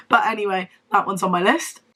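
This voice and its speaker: A woman's voice: medium pitch, fairly even intonation, moderate pace, pushed and bright. A young woman with a southern English accent chats casually to camera in a wheezy, strained voice, unwell and rambling in a self-deprecating way. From Devon, England. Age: young adult. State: unwell, losing voice. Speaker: book vlogger. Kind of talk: casual chatty vlog to camera.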